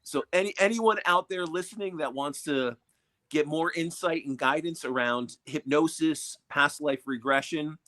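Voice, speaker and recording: A man's voice: on the high side, moderate pace, fairly bright tone. A man co-hosting a podcast, upbeat as he asks questions and thanks his guest. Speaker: podcast co-host. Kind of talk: casual interview.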